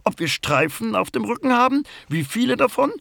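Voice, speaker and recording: A man voicing a sleepy young female bumblebee queen in a children's story, in a squeaky, drawn-out voice. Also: sing-song, creaky, fairly bright tone, no room sound, studio quality, full character voice. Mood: explaining.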